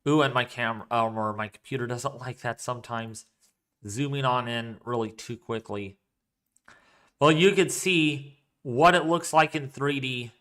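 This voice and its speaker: A man giving casual live weather commentary as a co-host, excitable and exclaiming at what he shows on screen. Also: mid-range voice, measured pace.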